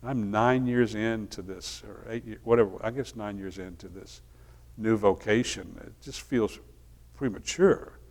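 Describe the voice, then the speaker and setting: Low-voiced man telling a folksy sermon story. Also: measured pace. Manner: relaxed, folksy storytelling with frequent restarts. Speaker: minister.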